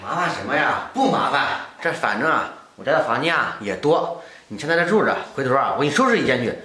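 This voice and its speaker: A man playing a kindly single scrap collector who talks with warm concern. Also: mid-range voice, sing-song, fast. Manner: warm-hearted, concerned, chatty.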